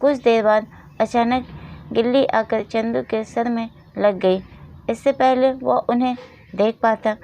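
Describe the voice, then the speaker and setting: A woman's voice: a little high, fairly even intonation, unhurried, mellow. Woman telling a storybook tale. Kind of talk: scripted storybook narration.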